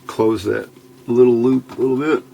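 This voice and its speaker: With a creaky, steady medium-pitched voice at normal speed, a channel host thinks aloud while building electronics at his indoor workbench. The casual, unscripted tutorial has a noisy background.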